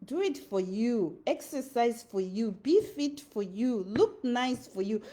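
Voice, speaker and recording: With a Zimbabwean accent, a woman delivers an earnest motivational monologue, repeating her phrases for emphasis. Her voice is warm and a little high, animated yet slow-paced.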